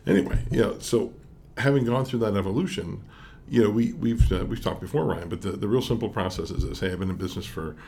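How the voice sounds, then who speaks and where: A middle-aged man with a somewhat low voice recounts his business experiences with emphasis and quoted dialogue. A faint hum of room ambience sits behind him. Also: quick pace, a little mellow. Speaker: small business owner, guest. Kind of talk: conversational storytelling.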